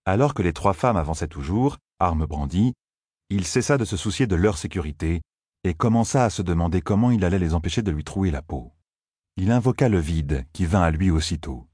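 A man narrating an audiobook in a steady, measured reading voice. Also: deep voice, husky, no room sound, clean studio sound.

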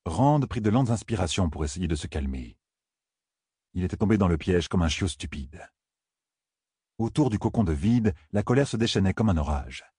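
A man narrating a fantasy novel as an audiobook, in a measured, even storytelling manner. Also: sits low, husky, dry recording, clean studio sound.

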